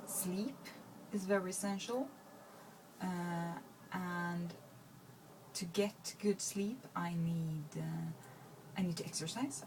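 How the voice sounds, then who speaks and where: A Swedish-speaking woman vlogger talks casually to her viewers against a noisy background. Her voice is lowish, and she rambles hesitantly with many fillers and restarts.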